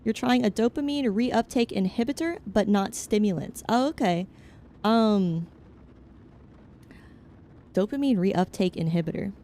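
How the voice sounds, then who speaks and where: A woman's voice: medium pitch, lively intonation, unhurried, pauses often, dark tone. A young woman streaming as a VTuber, chatting casually with her chat in a rambling, frank, joking way that hops from topic to topic. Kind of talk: casual chat, answering chat while gaming.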